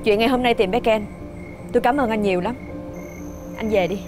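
A woman's voice: a little high, brisk, over music, natural voice. An actress with a Southern Vietnamese accent playing a worried, protective single mother in a TV family drama. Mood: cold. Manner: urgent, pleading, then firm and cool. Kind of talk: television drama acting.

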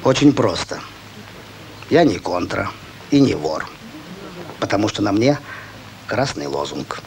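An actor playing a sly, cheeky village rogue with a self-assured, bantering way of arguing in a comedy-drama film. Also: male voice, fairly low pitch, very animated, unhurried, creaky, darkish tone, full character voice, poor audio. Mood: sly, defiant.

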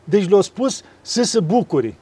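A man, an abbot, talking gently about faith and acting out little dialogues as he tells stories. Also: sits high, very animated, husky, no room sound. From Romania. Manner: gentle storytelling, acts out dialogues. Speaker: monk and abbot. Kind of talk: spiritual conversation.

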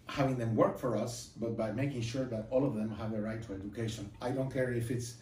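A middle-aged man from Guatemala giving an emphatic classroom lecture with slides, pausing and repeating lines for effect. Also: medium pitch, steady tone, darkish tone, a little hiss or hum. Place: classroom with projector screen, indoors. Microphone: far camera, no mic seen. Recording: echoey classroom from far off.

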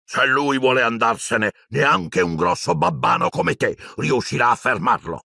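A man doing Hagrid, gravelly kindly giant. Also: medium pitch, animated, unhurried, pushed and bright, dry recording, studio quality, voice pushed up, exaggerated voice. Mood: indignant. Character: huge gruff kindly male giant gamekeeper.

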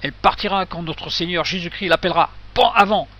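A man's voice: high-pitched, fairly quick. A man doing burly furious brothers. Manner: loud, threatening.

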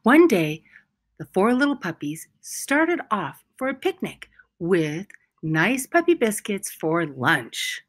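A woman with a medium-pitched voice reads a children's picture book aloud like a storyteller. Her phrasing is deliberate and expressive, and she leans on certain words for emphasis.

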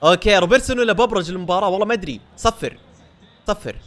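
Fast-talking, excitable young gamer. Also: male voice, high voice. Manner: excitable, bursts into shouts over goals. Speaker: gaming YouTuber. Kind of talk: live gameplay commentary.

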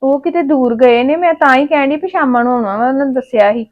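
A woman with a Punjabi accent playing a resentful sister-in-law in a family drama, curt and sharp with her visitor. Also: sits high, fast talker, dull audio.

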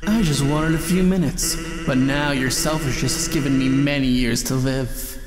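A man voicing a sinister, mocking, selfish skeleton villain in an animated fan dub, with taunting menace. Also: mid-range voice, lightly acted. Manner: slow, taunting, drawn-out menace. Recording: echoey voice with music behind.

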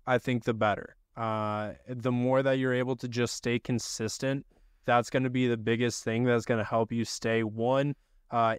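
Smooth and mid-range with no echo, a young man hosts a casual podcast interview over video call. He poses loose questions full of filler from a home studio room with a desk, talking into a boom-arm studio mic.

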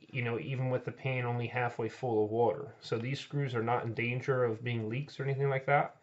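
Filming from his own point of view, a male HVAC tech and channel host explains things plainly, pointing out parts in a utility closet and then outdoors at a heat pump. The camera-mounted mic gives his mid-pitched voice a dull quality, and the whole clip is a practical how-to walkthrough.

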